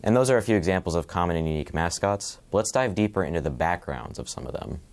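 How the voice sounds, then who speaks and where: Very deep-voiced male student narrator. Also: animated, fast talker. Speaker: student presenter. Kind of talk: scripted narration.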